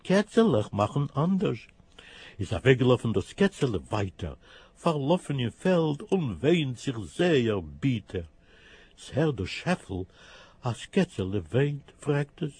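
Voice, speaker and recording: A man reading a children's story in a lively sing-song manner. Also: mid-range voice, measured pace, breathy edge.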